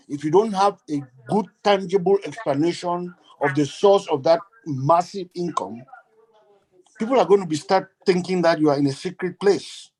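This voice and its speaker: Man, from Cameroon, fairly high voice, earnest, emphatic, repeats phrases, video call. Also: a little mellow, husky, low-quality recording. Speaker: guest speaker. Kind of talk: online meeting remarks.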